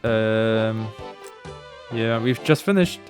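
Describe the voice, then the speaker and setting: A man streaming a game live, making relaxed, offhand asides to his chat. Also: fairly low pitch, very slow. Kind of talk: casual game livestream chat. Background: game music.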